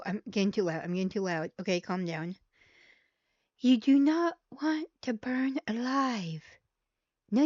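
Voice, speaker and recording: A woman's voice: mid-range voice, no room sound, lo-fi sound. A woman hosting a casual live reaction stream, chatting aloud as she watches clips. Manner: chatty, reacts aloud, fiddles with mic levels.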